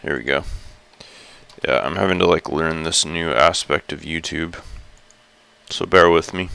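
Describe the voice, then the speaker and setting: A man with a deep, gravelly just-woken voice drawls through a casual live stream. He talks slowly and wanders, correcting himself as he goes. The sound is crisp and bright, close and dry with no room around it. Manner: rambling, chatty, many fillers and self-corrections. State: groggy just-woken morning voice. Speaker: live streamer exploring a virtual world.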